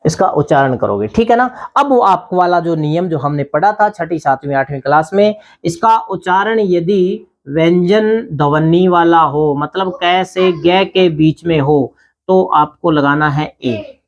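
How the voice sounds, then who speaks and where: A man's voice: on the high side, animated, measured pace, lo-fi sound. Male teacher checking "thik hai na?". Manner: explains step by step, asks and answers own questions. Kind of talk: grammar lesson.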